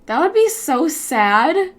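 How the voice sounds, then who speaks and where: A young American YouTuber streams herself working on an animation, chatting casually, rambling, and giggling a lot. Her high-pitched voice has a sing-song quality, and she speaks slowly.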